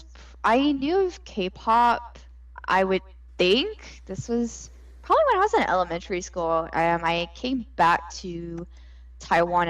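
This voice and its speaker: Animated American woman telling a story. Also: mid-range voice, low-quality recording. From United States. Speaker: podcast co-host. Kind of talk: casual chat.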